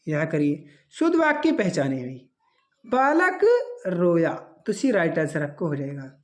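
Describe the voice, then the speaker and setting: Lively woman teaching an exam grammar class. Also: low voice, a little slow. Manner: lively, reads out options then corrects them. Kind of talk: exam-prep grammar lesson.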